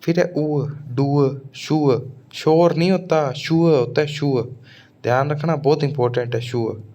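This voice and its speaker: A man's voice: a little high, fairly even intonation, unhurried, mellow. A man with a Rajasthani accent teaching an exam-prep English phonetics lesson, repeating each example word aloud. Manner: drills words by repeating them aloud. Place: Suratgarh, Rajasthan.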